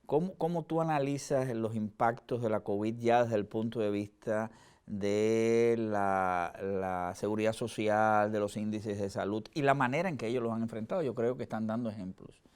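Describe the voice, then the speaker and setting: A man with a Cuban Caribbean Spanish accent leads a panel interview as an analyst. His pitch sits a little low. He talks conversationally, framing questions for his guest. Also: fairly even intonation, normal speed, darkish tone, clean tone.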